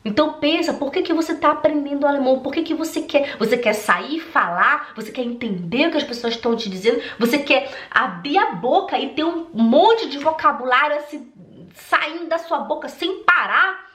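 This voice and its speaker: Animated woman teacher, roomy echo. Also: sits high, moderate pace. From Brazil (Belém do Pará). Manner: animated, emphatic, addresses viewer directly, laughs easily. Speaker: German teacher and online course creator. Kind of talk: motivational talk to camera. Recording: roomy echoey room.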